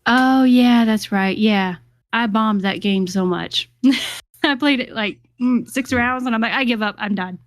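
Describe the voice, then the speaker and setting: A woman's voice: a little high, slow, no room sound, studio quality. A young adult woman, a guest on a livestream, chatting casually and giggling at herself. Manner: giggly, chatty, self-deprecating.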